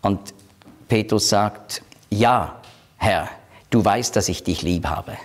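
A man leading a Bible study, explaining scripture slowly and quoting verses aloud. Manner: slow, explanatory, quotes scripture in a lowered voice; switches between teaching and group discussion. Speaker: Bible teacher.

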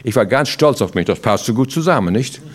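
An older man preaching from his own life, and his pitch rises and falls a great deal as he talks. He tells stories and asks rhetorical questions, with small laughs between them. He often breaks off a word and starts it again. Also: expressive. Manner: halting with many restarts. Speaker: traveling evangelist. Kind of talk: informal sermon testimony.

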